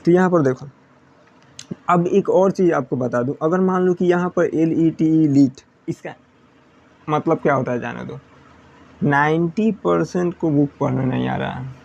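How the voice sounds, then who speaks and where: A man's voice: on the high side, measured pace, vocal fry, a little mellow, lo-fi sound. A man teaching English pronunciation in a classroom style, repeating points and asking questions he answers himself. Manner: repetitive, asks students questions then answers.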